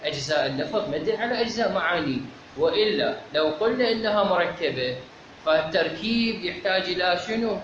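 A man with an Iraqi accent teaching a seminary lecture on logic, methodical, asking rhetorical questions and answering them himself. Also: a little high. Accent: Iraqi Arabic. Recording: very echoey, dull lo-fi, clear background noise.

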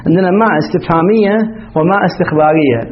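A man's voice: a little high, fast, slight background noise. A man teaching a classical grammar lesson, explaining step by step and quizzing his students with questions. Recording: dull lo-fi recording.

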